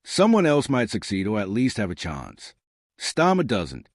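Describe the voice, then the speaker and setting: A man with a low voice narrates scripted political commentary, swinging his pitch widely for drama. He sounds emphatic and scornful, and the recording is close and dry with no room sound. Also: huge pitch swings, unhurried, no echo.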